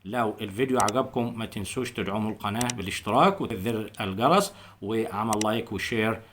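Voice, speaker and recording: A man with an Egyptian Arabic accent giving a beginners' English phonics lesson, repeating each English word slowly several times. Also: fairly low pitch, fairly bright tone, a little hiss or hum. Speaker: English teacher.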